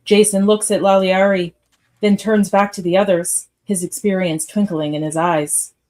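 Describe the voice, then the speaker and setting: A woman's voice: medium pitch, fairly even intonation, moderate pace, a little mellow. A woman narrating a radio theatre piece, reading scripted stage directions.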